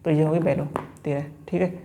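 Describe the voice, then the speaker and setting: A man teaches an exam-prep math lesson step by step, posing questions and answering them himself. His voice is very dark and gravelly. He speaks in a flat, level tone. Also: on the high side, a little fast, slight background noise. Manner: talks through each step, asks and answers himself.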